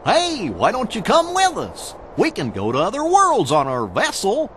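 A man's voice: high-pitched, huge pitch swings, normal speed, a bit bright, a little hiss or hum, exaggerated voice. A man voicing a friendly, goofy cartoon dog with a throaty, dopey drawl.

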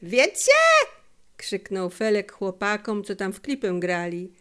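A woman narrating a literary audiobook in a careful, measured storytelling manner. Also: mid-range voice, steady tone, smooth. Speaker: audiobook reader.

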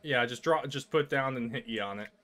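A man hosting a co-op game session, chatting casually and excitedly calling out to his friends. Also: mid-range voice, a little fast. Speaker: let's play host. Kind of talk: casual gaming chat with friends.

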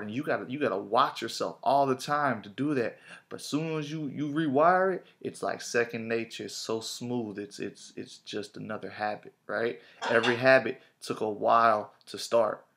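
A man's voice: on the low side, fairly bright tone. Casual motivational man, slangy and earnest. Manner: casual, repeats himself, slangy. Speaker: vlogger. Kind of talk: motivational talk to camera.

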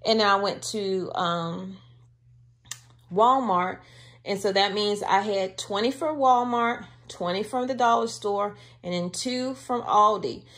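A woman's voice: mid-range voice, slow, fairly bright tone. A woman talks casually with her viewers from home. Her manner is homey and chatty, and she calls them y'all. The recording has the close, plain sound of a handheld camera indoors. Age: adult with a daughter. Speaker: vlogger showing a grocery haul. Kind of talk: casual chat.

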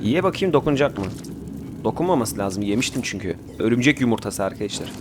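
A man's voice: mid-range voice, animated, quick pace. Young guy chatting thru a survival game, bossy with his troop, medium voice, bit of game noise behind. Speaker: gameplay commentator. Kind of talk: casual Let's Play commentary.

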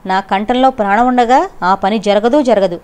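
A woman voicing a frightened, spiteful elderly man in an audiobook reading, with shrill, panicky shouting. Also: normal speed, smooth, close to an everyday voice. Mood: scornful.

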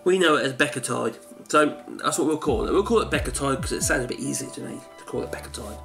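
This wheezy man in his forties has a gravelly, medium-pitched voice with a fairly bright tone, speaking expressively and quickly as soft music plays. A home video maker, he chats his way through a casual how-to in his cluttered home study, rambling and correcting himself.

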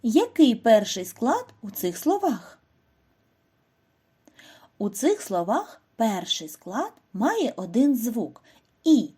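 A woman giving a scripted reading and spelling lesson to first graders, speaking slowly and clearly and asking the children questions. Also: fairly high pitch, sing-song, warm tone. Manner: slow, clear, instructive delivery with questions to children. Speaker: primary school teacher.

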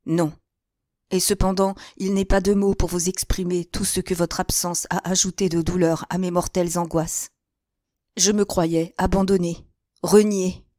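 Anguished young accused man read by a woman, proud, bitter, lowish voice, dry sound. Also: little pitch movement, measured pace, mellow, no echo, natural voice.

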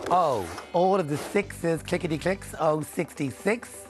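A middle-aged man hosts a televised numbers game in a fairly high male voice. He delivers scripted links and calls with clear, measured upbeat presentation. Music plays clearly behind him. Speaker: TV bingo presenter. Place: TV studio. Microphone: lapel mic.

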